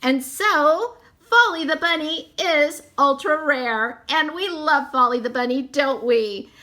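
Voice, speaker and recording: A woman's voice: sits high, slow pace, pushed and bright. A woman narrating a toy unboxing, gushing sweetly and repeating how cute everything is.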